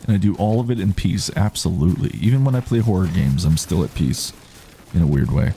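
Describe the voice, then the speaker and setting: A relaxed male streamer with a low, dark baritone gives easygoing live gameplay commentary over light background noise. He stays calm and unhurried, reading chat aloud.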